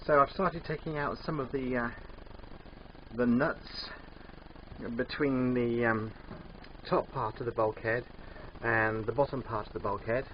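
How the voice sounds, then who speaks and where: A man's voice: mid-range voice, steady tone. Older man with a thick sore-throat voice. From England. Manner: hesitant, unhurried, halting. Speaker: DIY van converter presenting. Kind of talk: casual hands-on vlog narration. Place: in and around a van. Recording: dull muffled sound, background vehicle noise.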